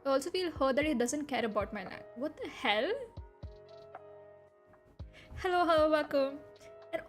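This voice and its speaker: This high-pitched VTuber streamer, a young woman whose native language is Hindi, reads online posts at a moderate pace with soft music behind her. Her reactions are lively and incredulous, full of laughter, blunt remarks, and swearing.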